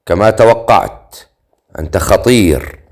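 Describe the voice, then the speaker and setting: A man's voice: on the low side, animated, a little slow, a little mellow. Sol, a wary immortal woman, as a man reads her. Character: wary sharp-tongued young immortal woman.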